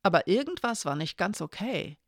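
Narrator as a self-doubting young woman, soft, muttering, matter-of-fact, storybook voice. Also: medium pitch, sing-song, normal speed, no room sound, studio quality. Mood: subdued.

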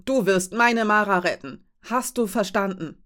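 A woman reading an audiobook voices a desperate, furious mother who shouts and pleads in a high, strained voice. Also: lively intonation, normal speed, lightly acted. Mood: desperate, shouting. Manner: shouting, wavering between demand and pleading. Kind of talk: audiobook character voice.

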